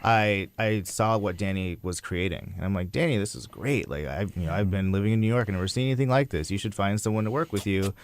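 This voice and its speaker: A man's voice: lowish voice, fast talker, hardly any pauses. A young man talking casually as a guest in an interview. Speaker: interview guest, creative entrepreneur.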